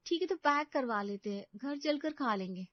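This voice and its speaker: A woman playing a busy young working wife in a cartoon story who stays polite and deferential to her in-laws. Her voice is fairly high, and the recording is dry and dull. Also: animated, moderate pace, dry recording.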